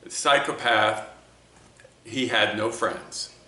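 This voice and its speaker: A man giving a personal talk to camera, speaking slowly and reflectively and often restarting his sentences. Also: on the low side, sharp tone, echoey room. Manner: slow, reflective, with many restarts. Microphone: camera mic.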